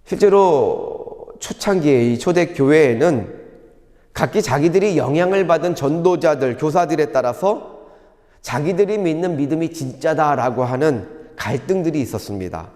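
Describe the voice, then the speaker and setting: A male pastor giving a sermon in a calm, measured teaching tone, often posing rhetorical questions. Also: on the high side, in a large hall. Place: church sanctuary.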